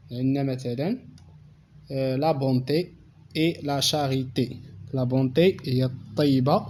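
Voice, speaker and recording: A Moroccan man teaching a French grammar lesson, explaining slowly and repeating each word. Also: medium pitch, a little mellow, slight background noise. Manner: slow, repetitive explanation, reading French aloud.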